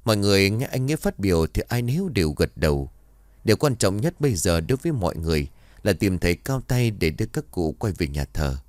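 Lively male ghost-story narrator, low and dry. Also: fast, no room sound. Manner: reads all characters in his own voice, lively intonation.

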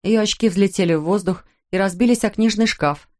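A woman reading an audiobook in a measured, dramatic narration. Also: mid-range voice, darkish tone. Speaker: audiobook reader. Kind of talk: scripted narration.

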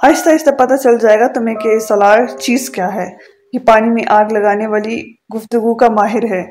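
A woman's voice: fairly high pitch, steady tone, darkish tone, lightly acted. Woman putting on a wry older father. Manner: measured, lecturing. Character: older father, wry and knowing about his son.

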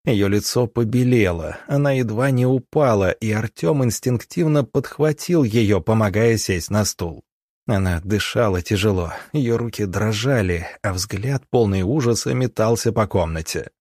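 A man doing scripted audiobook narration in a steady, measured reading. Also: fairly low pitch, no echo, studio quality.

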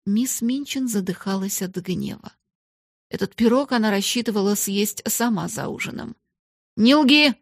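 Husky-voiced woman reading a storybook. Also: medium pitch, moderate pace, a little mellow, no room sound, studio quality. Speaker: narrator. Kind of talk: audiobook narration.

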